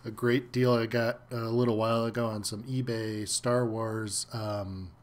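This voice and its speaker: On the low side and delivered flatly, this man's unhurried voice is a bit stuffy from a cold. He hosts a casual live stream from home, chatting loosely with many fillers and greeting viewers by name.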